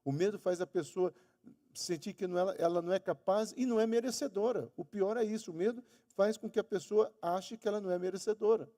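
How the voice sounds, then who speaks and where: A Brazilian man delivers a sermon in a fairly high, mellow voice, leaning on key words and drawing them out for emphasis. His voice rings out with the long reverb of a large church hall. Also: fast talker. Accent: Brazilian Portuguese. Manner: emphatic, stretching key words and raising pitch on quoted lines. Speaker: pastor.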